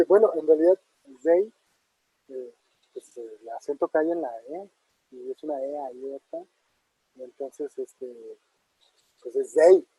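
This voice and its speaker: A man's voice: on the high side, warm tone, husky, no echo. A man answering audience questions in a casual academic talk, thinking aloud with many fillers and tag questions. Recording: dull muffled online talk audio.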